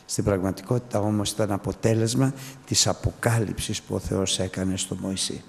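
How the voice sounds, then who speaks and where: A man preaches with a low, gravelly voice. He repeats his phrases fervently and calls his listeners brothers. The sound rings on with a long hall echo. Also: steady tone. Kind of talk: sermon.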